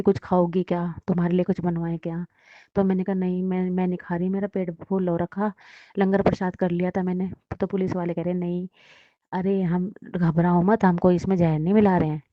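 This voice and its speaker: Woman, devotee giving a testimony, mellow dry voice, muffled recording. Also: on the low side, dry recording. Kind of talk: personal testimony.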